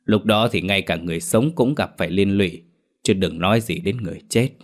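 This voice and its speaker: A smug old village shaman in a ghost story, pompous and drawling, pausing on little ums as he pronounces doom, put on by a male narrator. His voice sits very low and deep. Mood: lecturing. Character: sly self-important old male shaman. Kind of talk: storybook character voice.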